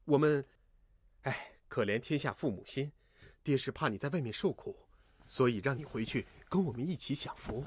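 A husky, sly fake brother. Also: male voice, mid-range voice, expressive, moderate pace, dry recording. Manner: smooth-talking storyteller. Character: sly young man posing as a rich long-lost brother. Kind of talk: comic period TV drama acting. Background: drama score music.

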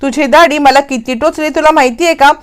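A woman's voice: high voice, brisk, pitched above the performer's own voice, natural voice. A woman voicing a feisty young wife who snaps back and scolds in a domestic squabble. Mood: bickering. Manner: snappy, scolding retorts.

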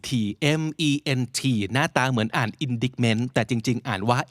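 A man hosting a podcast, explaining English vocabulary from news headlines in a lively, playful way. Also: medium pitch, normal speed, no room sound, clean studio sound. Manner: lively, slips into playful put-on quotes.

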